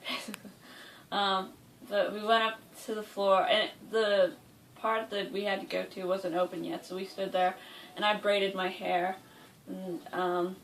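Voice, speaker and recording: Young woman, late teens, chatty storyteller, mid pitch, recorded a bit off-mic with faint background hiss. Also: distant mic, rough recording. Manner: chatty, many "like" fillers, laughs between lines. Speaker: interviewee. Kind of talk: casual personal storytelling.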